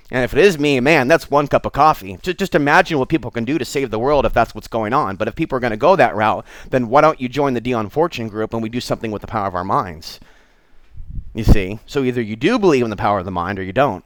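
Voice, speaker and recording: Hosting his own online show, a middle-aged American man rambles off the cuff to viewers, wandering between thoughts in a candid, confiding way. He has a medium-pitched, fairly bright voice, and there's no echo.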